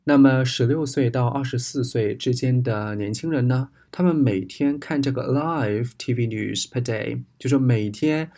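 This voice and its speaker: A man's voice: medium pitch, measured pace, few pauses, mellow. Chinese man teaching English vocabulary. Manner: spells words letter by letter, mixes English phrases into Mandarin. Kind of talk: explaining an English news text in Chinese.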